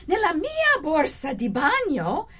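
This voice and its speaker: A high, swooping voice full of alarm: a woman acting out a talkative middle-aged American lady who dramatizes everything. Her pitch leaps wildly from line to line, in an audiobook reading. The sound is close and dry. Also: big pitch swings, unhurried, darkish tone, no room sound, full character voice. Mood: shrieking. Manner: shrill, dramatic, self-pitying. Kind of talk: audiobook character voice.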